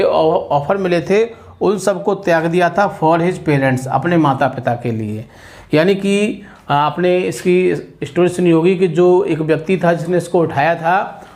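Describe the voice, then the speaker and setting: A man from India teaching an exam-prep class, slowly reading out English answer lines and explaining them at length in Hindi. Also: high-pitched.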